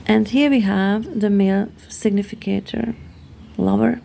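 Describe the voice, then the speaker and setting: This Hungarian-accented tarot reader talks through a reading at a relaxed pace, her mid-range voice dark, mellow, and heavily gravelly with much vocal fry. She halts frequently, hunting for the next word, and a little hiss or hum sits under the recording.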